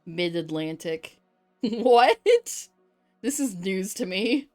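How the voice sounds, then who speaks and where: A woman's voice: medium pitch, expressive, slow pace, faint music behind. A woman streamer chatting casually with her viewers, reading chat aloud, joking and laughing often.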